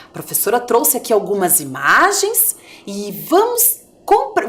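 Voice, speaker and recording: A woman's voice: fairly high pitch, fairly bright tone, roomy sound. A woman with a Brazilian Portuguese accent, a primary school teacher giving a video lesson to young children, coaxing them along in a sing-song voice and drawing out her words.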